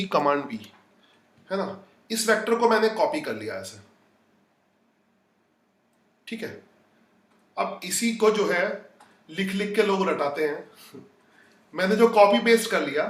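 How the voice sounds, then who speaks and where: A man's voice: sits high, a bit bright, echoey room, recorded from a distance. A man teaching a physics lesson live. He talks to his students casually and breaks off to read their comments. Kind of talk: live online lecture.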